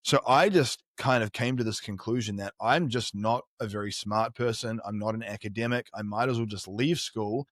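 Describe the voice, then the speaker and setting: This middle-aged man with a New Zealand accent, a performance strategist, is the guest on a candid podcast interview, earnestly reflecting on his life story. His voice is on the low side yet fairly bright in tone, at a moderate pace with hardly any pauses, in clean studio sound with no room noise.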